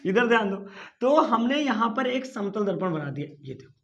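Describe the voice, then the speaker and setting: A man's voice: high-pitched, sing-song, normal speed, fairly bright tone. A male physics teacher lecturing at a board, coaxing students with questions that he answers himself. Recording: dull lo-fi recording.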